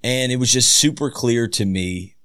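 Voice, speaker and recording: A man, a pastor co-hosting a casual podcast, who talks in a relaxed way and laughs easily. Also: mid-range voice, normal speed, smooth, dry recording, clean studio sound.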